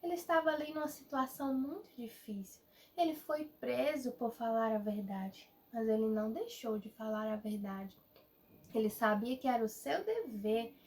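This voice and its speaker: A young woman with a fairly high voice tells a Bible story to children, animated and speaking right to them. She sounds somewhat far from the microphone. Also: slight background noise. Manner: animated, addresses children directly. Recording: voice a bit far from the mic.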